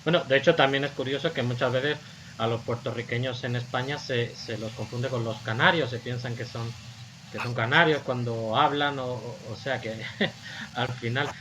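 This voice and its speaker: Measured male host, faint background hiss. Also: mid-range voice, fairly even intonation, sharp tone, low-quality recording. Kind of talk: casual panel discussion.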